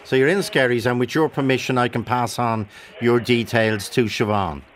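An Irish man hosting a live radio phone-in, talking briskly and chattily with frequent restarts into a studio microphone. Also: medium pitch, fairly even intonation.

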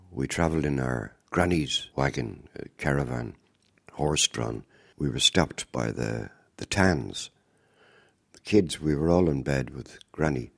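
Deep, gravelly older Irish man. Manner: unhurried storytelling. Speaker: former circus performer. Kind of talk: reminiscing interview narration.

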